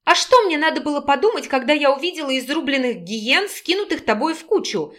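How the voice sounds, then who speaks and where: A woman's voice: lively intonation, very slow, a bit bright, heavily acted. A woman reading an audiobook, voicing a hurt, frightened and hot-tempered young woman who answers back indignantly. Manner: shrill, indignant.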